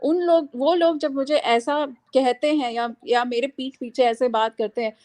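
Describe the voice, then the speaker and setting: A woman's voice: high-pitched, normal speed, darkish tone. A woman from India with a mixed Indian and American English accent, a guest explaining her views thoughtfully while mixing Hindi and English. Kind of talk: casual discussion, Hindi-English mix.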